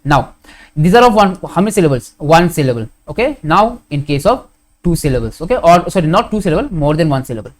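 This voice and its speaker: Teacher saying "okay" constantly. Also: male voice, a little high, sing-song, quick pace. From India. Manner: fills with frequent "okay", corrects himself, asks and answers questions. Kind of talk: grammar lesson to students.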